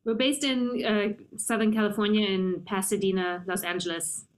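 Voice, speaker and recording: A woman pianist in her thirties, from Germany, answering interview questions in a thoughtful, measured way. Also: medium pitch, steady tone, a little hiss or hum, low-quality recording. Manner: thoughtful, measured, with frequent um and you know. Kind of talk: conversational interview.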